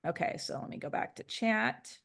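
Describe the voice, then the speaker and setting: A woman marketing coach talking casually through a screen share, explaining with lots of "um"s. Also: moderate pace. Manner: relaxed, filler-heavy explaining.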